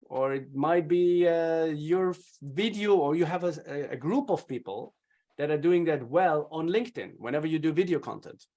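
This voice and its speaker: A man speaking as a video presentation coach, answering interview questions in an energetic, emphatic way with shifting loudness. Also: on the high side, normal speed.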